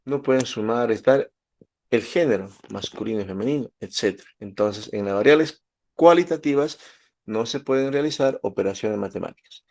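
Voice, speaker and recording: A man's voice: mid-range voice, normal speed, gravelly, darkish tone. A man from Peru, teaching statistics and often checking in with his students. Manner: asks students questions, gives everyday examples. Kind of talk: lecture to students.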